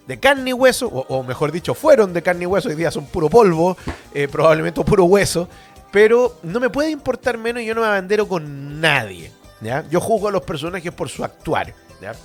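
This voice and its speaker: A Chilean academic hosting a radio history show gives an informal lecture in a high-pitched voice, very animated and fairly quick, with faint music behind. He's blunt, opinionated and colloquial, full of rhetorical and tag questions.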